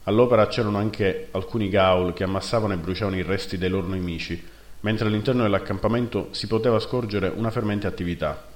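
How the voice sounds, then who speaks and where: A man narrating a first-person fantasy story in a steady, measured reading, in a roomy recording. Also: fairly low pitch. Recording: roomy echo.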